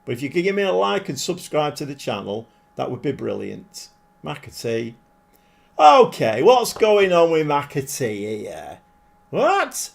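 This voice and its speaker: A man whose voice is a little high and creaky streams a football management game live, talking casually to viewers. He's quick to get excited and often self-deprecating.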